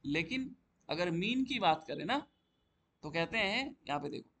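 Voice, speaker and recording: A man tutoring for a yoga exam, asking questions and answering them himself and reading English lines slowly. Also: sits high, animated, sharp tone, a little hiss or hum. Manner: explains step by step, asking and answering his own questions. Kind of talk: classroom-style lecture.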